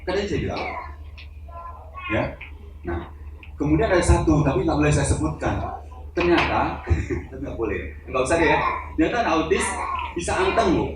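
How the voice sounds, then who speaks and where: Male seminar speaker, jokey and direct with the crowd, far from the mic in a boomy hall. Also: lively intonation, brisk, pauses often. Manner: joking, addresses audience directly, acts out examples. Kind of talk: live seminar talk to an audience. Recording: echoey hall, voice from far off, noisy.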